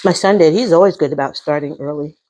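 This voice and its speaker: A middle-aged American woman with a fairly low voice talks casually to her viewers during a meal. She speaks between bites while eating and savors the food with small mms. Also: fast, mellow, rough recording. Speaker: mukbang host.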